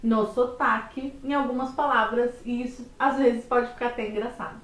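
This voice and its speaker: A friendly woman with a somewhat high voice talks directly to her viewers in a casual explainer chat. She is set back from the mic in an echoey room. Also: fairly even intonation, normal speed, a bit bright, distant mic. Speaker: co-host.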